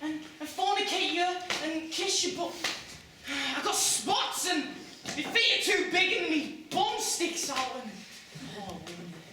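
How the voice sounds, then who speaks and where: A woman's voice: high-pitched, very animated, a little slow. A teenage girl playing a shy, awkward teenage boy in a school stage play, stammering and hesitant, with a Liverpool accent. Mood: nervous. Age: teens. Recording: echoey room from far off, noisy.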